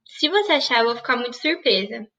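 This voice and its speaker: A woman's voice: a little high, expressive, fast, bright, forceful tone, far from the mic, muffled recording. A woman teacher giving an online grammar lesson, asking questions and answering them herself. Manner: didactic, asks and answers her own questions.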